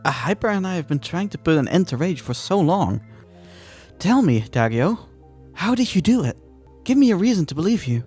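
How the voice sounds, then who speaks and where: A man's voice: on the high side, very animated, normal speed, darkish tone, slightly rough, faint music behind. A man reading an earnest, flustered young detective. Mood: urgent. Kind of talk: amateur visual novel voice reading.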